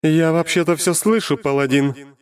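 A man's voice: on the high side, normal speed, clear, resonant tone, no echo, studio quality, pitched above the performer's own voice, close to an everyday voice. Cheeky sly goddess done by a man. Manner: cheeky, mocking. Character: sly, brash female goddess, quick-tempered. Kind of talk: audiobook character voice.

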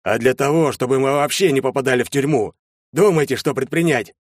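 A man reading an audiobook, voicing a stern, commanding father with a forceful manner. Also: mid-range voice, a little fast, no echo, studio quality, pitched above the performer's own voice, natural voice. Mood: demanding. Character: stern wealthy father, older nobleman.

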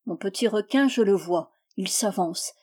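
A woman's voice: medium pitch, normal speed, slightly rough. Woman voicing a rambling drunken island pilot. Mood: tipsy giddy. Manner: excited, singsong, rambling.

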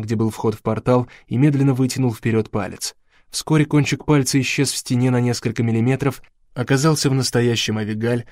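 A man narrating an audiobook in a measured, dramatic way. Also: medium pitch, darkish tone, no room sound, studio quality.

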